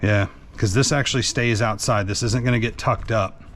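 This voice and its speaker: In a plainspoken, casual tutorial, a truck driver and host shows how to do an installation, thinking out loud as he goes. His voice is fairly low and a bit bright, and he speaks with a steady tone at normal speed.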